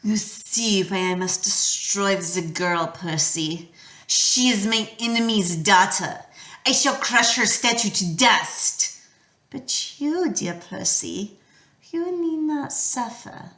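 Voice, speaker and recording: A woman's voice: high-pitched, sing-song, unhurried, pitched above the performer's own voice, full character voice. Woman doing a purring snake-haired monster. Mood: coaxing purr. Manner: soft purring menace, whispery. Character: hissing snake-haired female monster, coaxing and vicious. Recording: echoey room.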